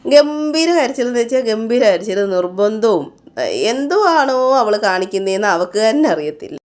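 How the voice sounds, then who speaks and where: A woman's voice: fairly high pitch, very animated, normal speed. A woman vlogger chatting casually in a voice-over about cooking and her child, often tagging her sentences with "you know". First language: Malayalam speaker. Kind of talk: casual voice-over narration of a home day.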